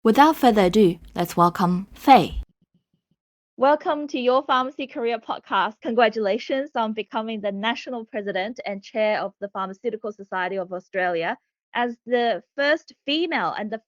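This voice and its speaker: A woman's voice: on the high side, muffled recording. A woman hosting a podcast, reading a formal, upbeat introduction and asking interview questions. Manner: upbeat, formal, reads from a script. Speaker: podcast host.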